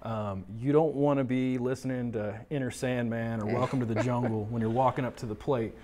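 In a small indoor studio office, seated or standing at a table, an American tech talk presenter from Texas, in his thirties, explains audio products conversationally, asking questions and answering them himself. His mid-range voice is dark, fairly even in intonation and fairly quick.

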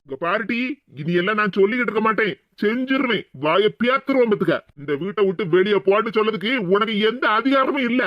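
A man voicing a bossy older husband in a cartoon, gruff and commanding, with a southern Tamil Nadu accent. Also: high-pitched, expressive, fast talker, no room sound. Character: bossy older husband and father-in-law turned stern. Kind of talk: cartoon voice acting. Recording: dull, dry lo-fi sound.

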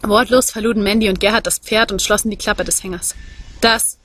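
A woman narrates a novel aloud, measured and expressive. Her voice is husky and breathy, at a middling pitch. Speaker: audiobook reader.

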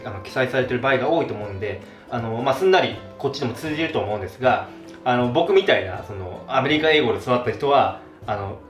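A man from Japan chats casually to camera as a vlogger, his voice lively and swinging in pitch as he acts out pronunciations with frequent chuckles. The room gives his voice a clear echo, with faint music playing underneath. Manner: animated, demonstrates pronunciations, chuckles often.

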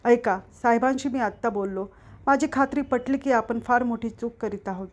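A woman's voice: on the high side, normal speed, lightly acted. A woman voicing a male office clerk who speaks out to his coworkers in a read-aloud story. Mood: persuasive. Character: male clerk union leader, forceful.

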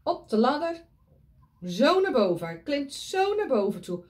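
A woman's voice: high voice, big pitch swings, measured pace. A woman reading a picture book aloud to children, pointing at the pictures and asking them questions.

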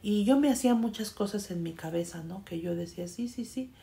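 Mexican woman, warm mellow tone, casual personal storytelling, chatty fillers, faint background hiss. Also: on the low side, fairly quick, creaky. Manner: conversational, frequent fillers, trails off softly. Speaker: storyteller sharing a personal experience.

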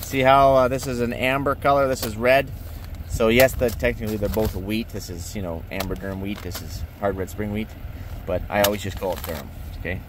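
A man's voice: fairly low pitch, fairly even intonation, fairly quick, background noise. A man vlogging around his farm, chatting casually as he explains his equipment and chores. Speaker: farmer vlogger. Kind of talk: casual walk-through vlog. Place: outdoors on a farm yard beside machinery.

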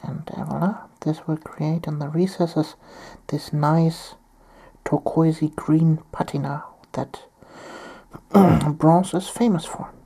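A woman from Germany, talking softly through a painting tutorial while she has a cold and keeps clearing her throat. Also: low voice, steady tone, slow. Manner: soft-spoken, often near a whisper. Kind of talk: step-by-step tutorial narration.

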